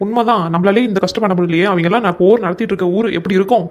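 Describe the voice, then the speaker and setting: A woman's voice: mid-range voice, rapid-fire, lightly acted. A woman playing a cheeky young village woman. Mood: resigned. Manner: cheeky, teasing, giggly. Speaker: cartoon voice actor. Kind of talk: comic cartoon dialogue.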